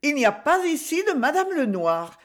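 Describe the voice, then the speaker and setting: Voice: sits high, sing-song, normal speed, a bit bright, voice pushed up. A narrator voicing a polite young housemaid in an audiobook.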